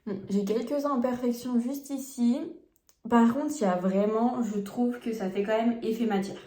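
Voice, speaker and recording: This beauty vlogger's voice is fairly high and mellow, moving at a normal speed through an echoey room. Recording on her phone camera at home, the young woman tests makeup and talks frankly and chattily to viewers while putting products on.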